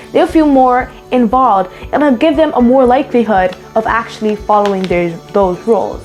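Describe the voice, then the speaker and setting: A woman's voice: on the high side, a little mellow. Chatty young woman giving family tips. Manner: chatty, restarts often, acts out quoted parents and kids. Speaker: vlog host giving parenting tips. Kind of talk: casual advice talk to camera.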